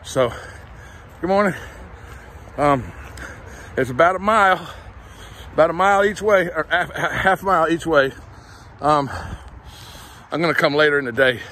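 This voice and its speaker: A man's voice: fairly high pitch, unhurried, long pauses, sharp tone, slight background noise. A middle-aged man, chatting casually into his phone while walking a trail, a bit out of breath. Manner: chatty, rambling, self-deprecating. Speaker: vlogger. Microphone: phone held while walking.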